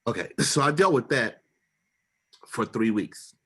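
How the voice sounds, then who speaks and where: A man's voice: mid-range voice, expressive, a little slow, sharp tone, breathy edge. A middle-aged man telling a personal story with feeling, acting out the people he quotes with big jumps in his voice.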